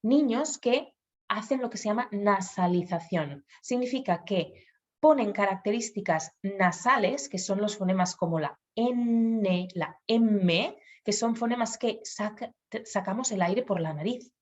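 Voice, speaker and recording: A woman's voice: medium pitch, a little slow. A woman speech therapist patiently explaining children's speech sounds to parents, acting out the sounds aloud.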